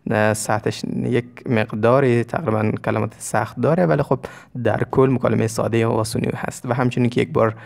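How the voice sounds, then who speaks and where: A man whose first language is Persian, teaching an English lesson, saying English lines slowly and explaining them. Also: mid-range voice, steady tone, gravelly, a little mellow.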